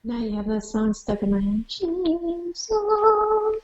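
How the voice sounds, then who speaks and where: A woman's voice: medium pitch, little pitch movement, fairly quick, a crowd in the background. A woman co-hosting a live tarot stream, chatting casually over a video call from a tablet. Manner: easygoing, giggly, rambling. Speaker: tarot reader co-host. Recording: dull lo-fi video call audio with faint noise.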